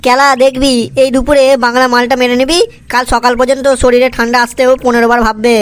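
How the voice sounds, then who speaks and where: Brief: woman playing a brash young cartoon pal, high-pitched and fast, bossy and teasing. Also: level tone, lightly acted. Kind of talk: cartoon comedy voice acting.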